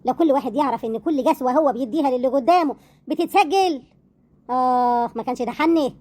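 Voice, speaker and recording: A woman with an Egyptian accent playing a bitter, sharp-tongued wife in an audio drama, scornful and mocking. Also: high-pitched. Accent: Egyptian Arabic. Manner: scornful, mocking, quick retorts.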